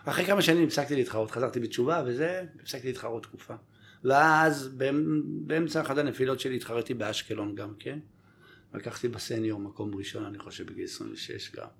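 A man's voice: mid-range voice, creaky, slight background noise. A man in his thirties telling stories in a casual chat and acting out what people said. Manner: animated storyteller, acts out quotes. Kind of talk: casual storytelling.

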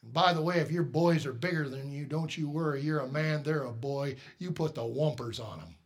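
A middle-aged male pastor preaches a sermon built around a personal story, moving from quiet asides to loud, emphatic peaks. His voice is on the high side and his delivery brisk.

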